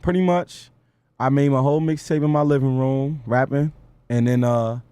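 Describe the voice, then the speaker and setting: A man's voice: medium pitch, steady tone, normal speed, dark tone, smooth, no room sound. A man in his twenties with a New York accent, chatting casually as an interview guest in a laid-back, drawling way. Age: 20s. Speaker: rapper guest.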